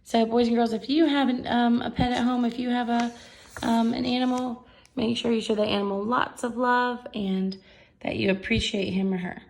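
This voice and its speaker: Here a woman reads aloud from a picture book for kids, pausing to explain the pictures with expression and simple remarks. She speaks at a moderate pace in a fairly high, creaky voice with a steady tone.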